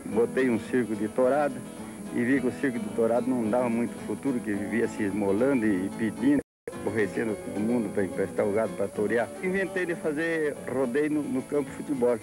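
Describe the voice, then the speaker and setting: A man's voice: medium pitch, a little fast, low-quality recording. A man in his fifties with a Brazilian accent, chatting casually in an interview on a handheld mic. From southern Brazil. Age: 50s. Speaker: rodeo founder being interviewed. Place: outdoors at rodeo arena at night. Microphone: handheld reporter microphone. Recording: music behind, old TV tape.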